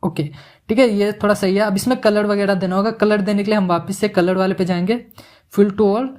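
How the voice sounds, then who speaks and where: A man giving a casual, joking software tutorial, mixing English words into his Hindi as he works. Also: sits high, fairly even intonation, brisk. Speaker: animation tutorial instructor.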